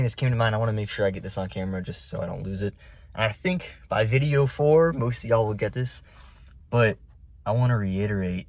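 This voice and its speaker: Low-voiced man chatting casually on a vlog. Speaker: amateur vlogger. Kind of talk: casual talk to camera. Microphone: phone camera.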